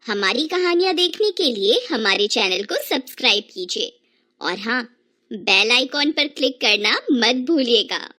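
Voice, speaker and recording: Bright, upbeat woman channel host. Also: on the high side, expressive, measured pace. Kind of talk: channel intro.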